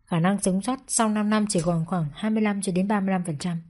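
Storybook: woman doing a blunt, matter-of-fact male doctor, mellow tone. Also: mid-range voice, steady tone, fast, natural voice. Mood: stern. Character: stern middle-aged male hospital doctor. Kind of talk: storybook narration.

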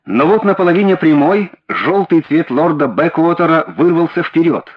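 Husky male audiobook narrator. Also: a little high, moderate pace, dull audio.

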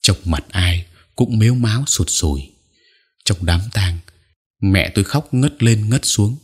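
Low husky male story narrator. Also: expressive, unhurried. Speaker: audiobook narrator.

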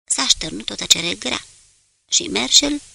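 A woman reading a novel aloud as an audiobook narrator, in a steady, measured way. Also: mid-range voice, creaky, breathy edge.

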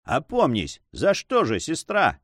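A man's voice: a little high, huge pitch swings, unhurried, fairly bright tone, dry recording, studio quality, exaggerated voice. A man reading a story aloud, voicing a carefree young nobleman who banters ironically with his sister. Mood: earnest. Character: teasing, carefree young nobleman, Don Sancho.

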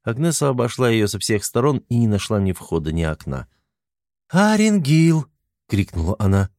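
A man reading a fantasy audiobook in even, unhurried scripted narration, close to the mic. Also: fairly low pitch, no room sound.

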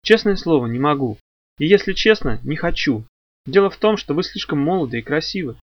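A man's voice: on the high side, expressive, a little fast, no echo, highs cut off. A man reading the lines of an evasive, worried young secretary in hesitant, guarded replies.

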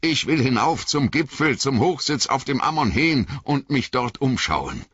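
A man's voice: mid-range voice, animated, measured pace, a bit bright, husky, dry recording, pitched above the performer's own voice. A man voicing a grim, commanding ranger who gives orders urgently. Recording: dry, slightly dull audio.

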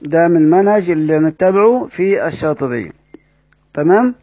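High-voiced Egyptian man teaching recitation. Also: expressive, warm tone, dry recording. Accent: Egyptian Arabic. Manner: repeats key phrases, asks and answers his own questions, drawn-out chanted quotes. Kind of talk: classroom explanation.

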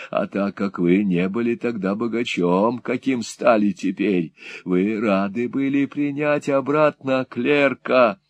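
A man's voice: fairly low pitch, no room sound. A man reading as a pleading, bitter old pauper. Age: 60s. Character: poor humbled old male former clerk.

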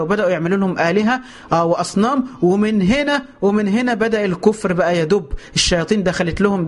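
Egyptian male preacher, high-pitched, rapid delivery, repetitive and rhetorical. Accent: Egyptian Arabic. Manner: repetitive, rhetorical questions, frequent pious interjections. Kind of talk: religious lesson.

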